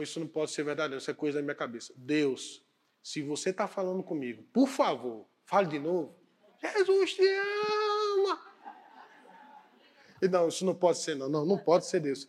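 A man preaching a sermon, telling a story and acting out its dialogue in an animated way. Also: on the high side, fairly quick, breathy edge. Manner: animated, acts out dialogue, shouts punchlines.

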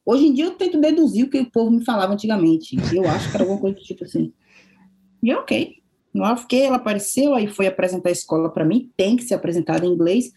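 A Brazilian woman chatting casually as a guest, telling an animated story and acting out the lines of the people in it. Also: mid-range voice, quick pace. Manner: animated storyteller who acts out quoted dialogue. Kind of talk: casual chat.

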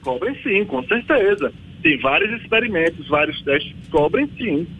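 A man from the backlands of Bahia with a Bahian Brazilian accent and a husky voice, explaining as an expert guest in an informal, emphatic way. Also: sits high, sing-song, normal speed, phone-quality sound, slight background noise. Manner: emphatic, colloquial, checks listener understands. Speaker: vaccine researcher, interview guest.

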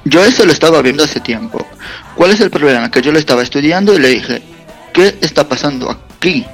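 A man's voice: fairly high pitch, expressive, soft background music. Earnest man calling in by phone. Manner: earnest, halting, keeps asking rhetorical questions. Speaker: caller. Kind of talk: phoned-in radio talk. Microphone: phone call over a messaging app.

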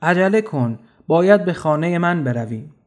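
A man's voice: on the high side, lively intonation, natural voice. A man voicing a grave and just male ruler in a children's storybook, speaking earnestly. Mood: urgent. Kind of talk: storybook narration.

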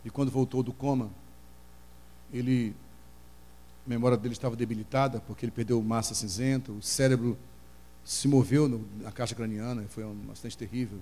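A middle-aged Brazilian man preaching a sermon as pastor, telling an emotional story and crying out in high voices as he acts out the people in it. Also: steady tone, a little fast, dark tone. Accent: Brazilian Portuguese. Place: church hall. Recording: long hall reverb, faint hum.

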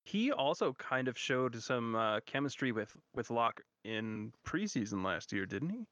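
A man's voice: medium pitch, sing-song, unhurried, a bit bright, no echo. Hesitant man on a dull, dry recording. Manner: hesitant, stammering restarts. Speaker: podcast co-host. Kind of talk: casual sports chat.

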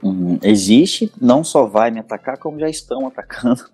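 A man's voice: mid-range voice, a little fast, husky. A Brazilian man, a podcast guest, chatting casually and acting out little scenes as he explains his audio work. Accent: Brazilian Portuguese. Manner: animated storyteller acting out scenes.

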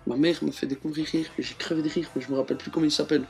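A man's voice: a little high, fairly even intonation, vocal fry, soft background music. A young man, co-hosting a podcast in playful, joking casual chat. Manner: playful, joking, quick to laugh. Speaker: podcast co-host.

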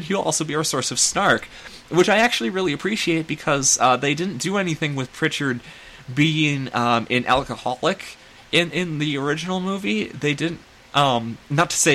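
A man's voice: a little high, fairly bright tone, slight background noise. A man hosting a movie podcast, rambling and self-deprecating as he recaps a horror film. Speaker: podcast host.

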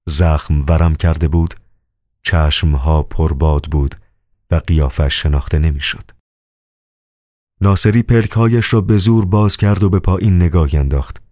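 A man narrating a novel as an audiobook, with a measured, solemn reading. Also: deep voice, dark tone, no echo, studio quality.

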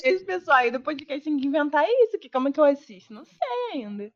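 A woman with a fairly high voice co-hosts a loose podcast chat. She tells stories with animation and swears freely. The audio is dull and lo-fi. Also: animated, quick pace. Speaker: podcast co-host. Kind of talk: casual chat.

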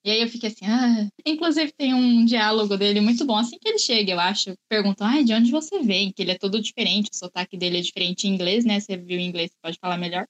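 A woman's voice: medium pitch, fast talker, hardly any pauses, muffled recording. A woman in a casual film discussion, chatty and explaining at length.

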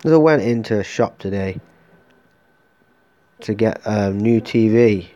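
A man's voice: fairly low pitch, slow, warm tone, highs cut off. Guy ranting on his podcast, swears a lot, rambly and jokey, faint music behind. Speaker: podcast host. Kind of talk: rambling solo monologue.

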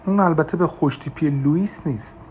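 A man voicing a calm, kind woman friend. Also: a little high, a little hiss or hum, close to an everyday voice. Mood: gentle.

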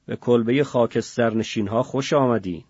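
A man's voice: mid-range voice, a little mellow, slightly rough, no echo, highs cut off, lightly acted. A man voicing a brazen older male street-tough prisoner in an audiobook, with a drawling, cocky, mock-sweet way of talking. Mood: mock-welcoming.

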